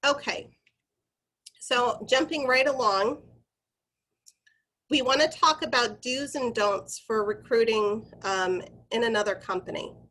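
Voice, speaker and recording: A woman's voice: fairly high pitch, slow pace, pauses often, pushed and bright, rough recording. A woman giving an informal corporate training presentation, explaining guidelines in a conversational, instructive way and addressing her group directly.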